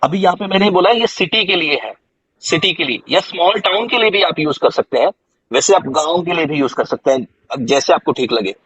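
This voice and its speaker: A man with an Indian accent teaching a spoken English class online, slowly repeating phrases for his students. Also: a little high, lively intonation, a bit bright, breathy edge, no room sound, lo-fi sound. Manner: slow, drawn-out repetition of English phrases for students.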